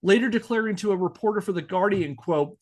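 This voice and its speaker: Speaking quickly in a high voice, a man hosts a podcast, delivering scripted narration punctuated by casual asides. His storytelling is wry and emphatic.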